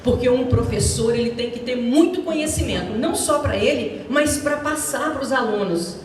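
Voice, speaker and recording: Speaking through a handheld mic, a retired Brazilian teacher in her sixties tells students stories from her life, talking directly to them in a chatty, anecdotal style. Her voice is slightly high and animated, at a normal pace, with a Brazilian Portuguese accent. She was captured from a distance in a large, echoey school hall, with a faint hiss or hum.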